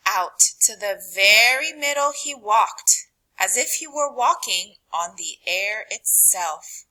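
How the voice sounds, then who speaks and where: The recording is low quality: a woman in a mid-range voice reads aloud from a children's picture book, expressive and dramatic, with purposeful pauses and phrases that trail into a hush.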